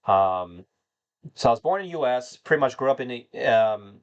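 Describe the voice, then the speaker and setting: A rambling American man from North Carolina chats casually on his livestream, answering the chat and calling viewers "man." His mid-range voice has lively intonation and a normal speed, leans on fillers, and the audio is dull.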